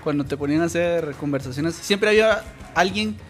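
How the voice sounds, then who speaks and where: Male podcast co-host, high voice, casual and jokey, faint music bed. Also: fairly quick. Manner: laughs often, acts out quotes. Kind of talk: casual chat.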